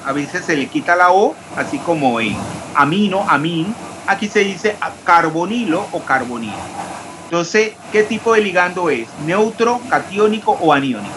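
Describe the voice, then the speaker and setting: In an online chemistry lecture, a man with a high-pitched, lively voice walks through formulas step by step at a moderate pace and quizzes his students along the way. The background is noisy.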